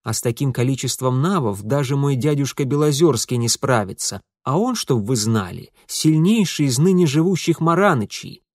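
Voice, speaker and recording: A sardonic young man trades dry jabs, voiced by a man reading an audiobook. The voice stays near the narrator's own, mid-pitched and wry. The sound is close and dry, with no room echo. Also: lively intonation, moderate pace, hardly any pauses, a little mellow, lightly acted. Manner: dry, sarcastic.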